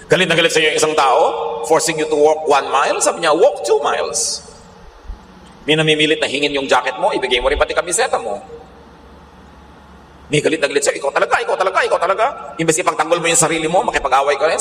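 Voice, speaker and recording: An older Filipino pastor delivers a sermon in a bright, forceful voice, sliding between two languages and playing out little arguments as he goes. The sound carries the long ring of a large hall with a faint hum of ambience behind him. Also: medium pitch. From Philippines. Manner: preaching in mixed Tagalog and English, acting out quarrels.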